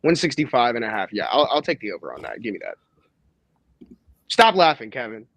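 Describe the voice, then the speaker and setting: A man's voice: lowish voice, sing-song, fast, creaky, dry recording. A man giving sports betting picks in casual chat, swearing freely and poking fun at himself. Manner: profane, self-mocking banter. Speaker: co-host.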